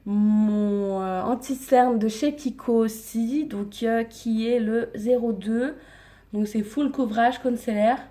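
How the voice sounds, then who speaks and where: A woman's voice: a little high, steady tone, slow. A woman talking casually through her morning makeup routine on camera, hesitant and full of fillers, sometimes dropping to a whisper, filmed with her phone. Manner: hesitant, many fillers, slips into soft whispers. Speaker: makeup vlogger. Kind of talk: casual makeup tutorial chat.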